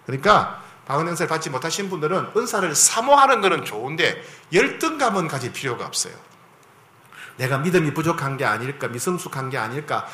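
A man's voice: on the high side, pushed and bright, roomy sound. A man preaching a sermon as a pastor in a conversational style, often asking the congregation for agreement.

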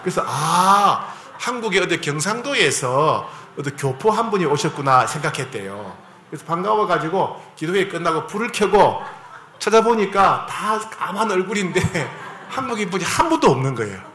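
Lively, bright-voiced male pastor preaching. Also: high-pitched, normal speed, roomy sound, a little hiss or hum. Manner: conversational preaching, asks the congregation for agreement. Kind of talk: sermon.

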